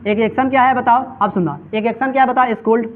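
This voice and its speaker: A man's voice: very high-pitched, steady tone, quick pace. A man teaching a grammar lesson, drilling his students with the same questions again and again. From Bihar, India. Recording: tinny phone-like sound.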